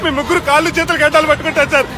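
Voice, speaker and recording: An actor playing a frightened young man who pleads desperately and shouts, in film comedy dialogue. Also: very high-pitched, level tone, very fast. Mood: pleading. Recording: film soundtrack, loud music and crowd.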